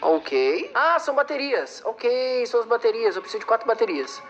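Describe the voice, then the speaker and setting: A man's voice: extremely high pitch, very animated, moderate pace, fairly bright tone, soft background music. A man doing comedic gameplay commentary, ranting and mocking the ads that keep interrupting him. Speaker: game streamer.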